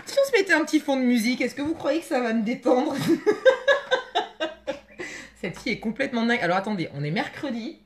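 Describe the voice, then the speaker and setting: Female live streamer, fairly high voice, excitable and chatty, keeps greeting viewers by name. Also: brisk, pauses often, slight background noise.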